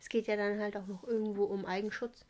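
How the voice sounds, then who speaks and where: A woman's voice: medium pitch, level tone, fast, a little mellow. A woman co-hosting a casual podcast, adding reflective comments and frequent affirmations. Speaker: podcast co-host.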